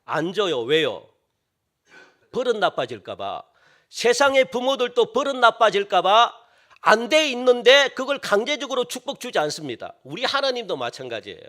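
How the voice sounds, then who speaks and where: A pastor preaching a sermon in a church, asking questions and answering them himself, repeating phrases and dropping to a hush on key words. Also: male voice, high-pitched, big pitch swings, moderate pace. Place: church sanctuary.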